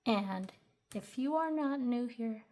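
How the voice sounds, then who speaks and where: Slow, breathless young woman vlogger. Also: fairly high pitch, lively intonation, mellow. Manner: chatty, hesitant with fillers and restarts. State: short of breath. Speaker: budgeting vlogger. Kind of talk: casual tutorial chat.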